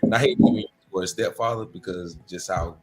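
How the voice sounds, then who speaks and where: A man's voice: sits low, fairly quick, faint music behind. A man in casual, reflective chat with friends, laid-back, slangy and a little hesitant as he thinks aloud.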